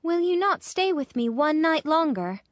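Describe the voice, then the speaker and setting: A woman playing a noble, sorrowful statue prince in a storybook, speaking gently, pleadingly and in measured phrases. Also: high-pitched, sing-song, no echo, clean studio sound. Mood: gentle pleading. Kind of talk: acted storybook dialogue.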